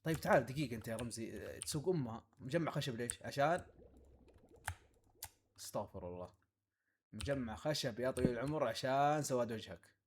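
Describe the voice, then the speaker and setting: A man's voice: medium pitch, quick pace, pauses often, slight background noise. Playful man talking to himself while gaming. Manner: talks to himself and the animals in the game, playful and excitable. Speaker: gaming YouTuber. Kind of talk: casual let's-play commentary. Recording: faint game music behind.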